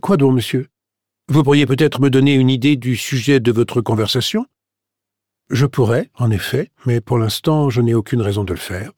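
A man's voice: mid-range voice, moderate pace, a little mellow, no echo, studio quality, lightly acted. A man voicing a reserved, polite young Englishwoman in an audiobook. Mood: guarded. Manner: polite, cautious. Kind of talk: audiobook character voice.

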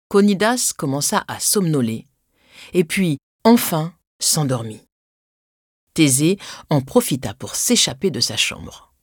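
A woman narrating a children's storybook in an expressive, scripted way, lifting her voice on dramatic words. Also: lowish voice, dry recording, studio quality.

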